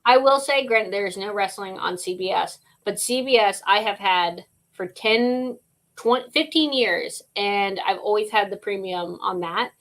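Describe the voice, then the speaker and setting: A woman's voice: mid-range voice, measured pace, a bit bright. A woman co-hosting a casual wrestling review show, chatty and sure of her opinions. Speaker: podcast co-host.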